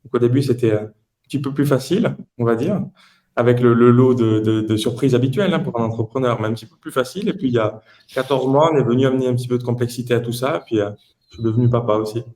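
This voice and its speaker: A man in his late twenties from Toulouse, in southern France, talks conversationally as an entrepreneur guest on a podcast. His voice is mid-range and darkish, and he speaks at a quick pace.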